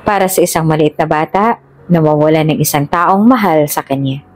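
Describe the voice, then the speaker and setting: A woman narrating a scripted drama story in a steady, measured reading. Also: sits low.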